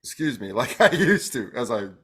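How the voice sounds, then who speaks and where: A man's voice: mid-range voice, very animated, normal speed, fairly bright tone, slightly rough. Rambling, laughing male podcast co-host. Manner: rambling, self-deprecating, laughs often. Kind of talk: casual chat.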